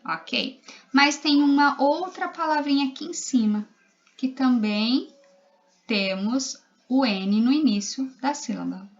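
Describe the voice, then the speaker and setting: A woman's voice: high voice, takes it slowly, lo-fi sound. A woman primary school teacher with a Brazilian Portuguese accent, giving a recorded literacy lesson to young children, spelling out letters and syllables patiently.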